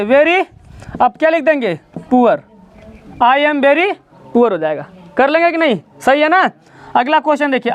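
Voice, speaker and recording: A man's voice: very high-pitched, a bit bright. A man teaching a grammar lesson in a classroom, explaining step by step and quizzing his students as he goes. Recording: dull lo-fi sound.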